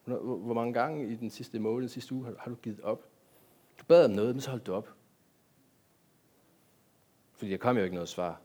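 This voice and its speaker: A man's voice: medium pitch, pauses often, warm tone. A man giving a sermon in a church, talking directly to the congregation and asking them many rhetorical questions. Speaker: pastor.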